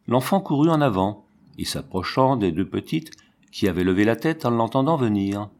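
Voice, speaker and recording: Man with a low, measured reading voice. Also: lively intonation, a little mellow. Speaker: audiobook narrator. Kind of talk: scripted storybook narration.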